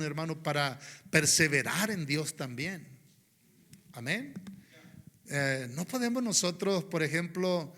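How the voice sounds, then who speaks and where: A male pastor preaching a sermon, often stopping to address his "brothers" and saying amen, moving between quiet, low passages and loud, high exclamations. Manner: rhythmic preaching, often inserts "hermano, ¿verdad?" and "Amén".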